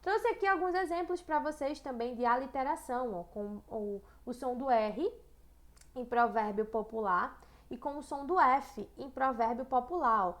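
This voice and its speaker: Chatty Brazilian woman teacher, higher voice. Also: a bit bright. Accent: Brazilian Portuguese. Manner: chatty, checks in with tá? and né?; reads poems aloud slowly and rhythmically. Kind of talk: online lesson.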